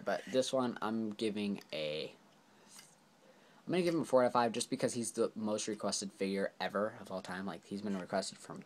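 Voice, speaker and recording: In this laid-back toy review vlog, a fairly low-voiced man talks through action figures on camera, meandering and apologizing often amid many fillers. A little hiss or hum sits under the audio.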